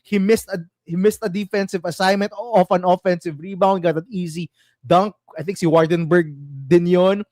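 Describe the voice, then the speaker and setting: A young Filipino man hosting a casual basketball chat, mixing English and Tagalog, animated and quick to laugh. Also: high voice, no room sound, clean studio sound. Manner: animated, switches languages mid-sentence, laughs often. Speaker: basketball podcast host.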